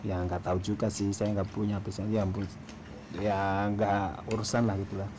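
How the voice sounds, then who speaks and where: A man tells a story casually to camera, halting and hesitant as he goes. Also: lowish voice, flat delivery, background noise. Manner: hesitant, halting delivery with throat-clearing. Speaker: food vlogger telling a story.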